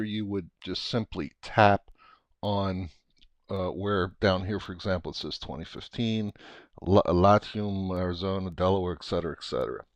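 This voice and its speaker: Halting American man, slightly low voice. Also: no echo. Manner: halting, thinking aloud with digressions. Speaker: software tutorial presenter. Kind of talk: unscripted screencast tutorial, casual explaining.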